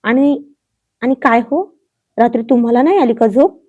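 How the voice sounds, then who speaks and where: A woman's voice: fairly high pitch, moderate pace, slightly rough, narrow, tinny audio. A woman voicing a bashful young woman who speaks coyly to her beloved. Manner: shy, coy.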